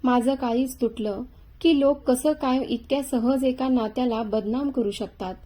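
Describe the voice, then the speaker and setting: Woman narrating a story, kinda high voice, soft mellow tone, steady pace. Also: unhurried.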